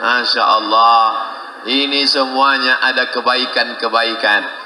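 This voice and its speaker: A man giving a humorous sermon to a crowd, animated and jumping into shrill voices when he quotes people. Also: slow pace, slight background noise. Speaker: preacher. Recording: echoey hall, live sermon.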